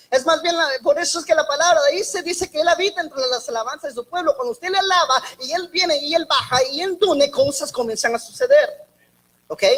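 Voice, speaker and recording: High-voiced woman preaching a sermon. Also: rough recording. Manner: halting, often repeats and restarts words; lively, joking asides mid-sermon.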